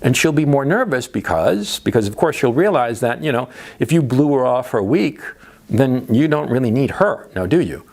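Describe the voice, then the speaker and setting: A man's voice: medium pitch, animated, moderate pace, gravelly, darkish tone. A middle-aged man, a native Spanish speaker, coaching on dating in a monologue, repeating points and checking in with "right?" and "okay?". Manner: rhetorical questions, frequent "right?" and "okay?" tag checks; repeats himself for emphasis. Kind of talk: monologue giving dating advice.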